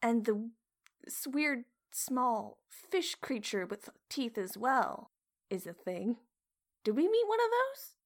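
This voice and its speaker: A woman's voice: fairly high pitch, sing-song, slow pace. A woman playing a tabletop game, eager to solve a mystery. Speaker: player. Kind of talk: casual tabletop play.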